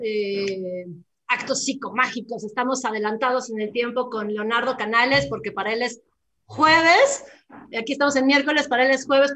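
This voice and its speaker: A woman's voice: fairly high pitch, a bit bright. A woman, moderating a live panel over video call in a friendly, playful way.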